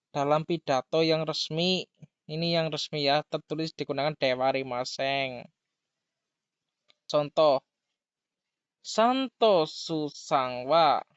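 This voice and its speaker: Slow, dry-voiced man teaching grammar. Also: on the high side, smooth, no room sound. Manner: slow, repeats key words, reads example sentences aloud. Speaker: language teacher. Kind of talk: explaining grammar lesson. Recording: dull lo-fi dry sound.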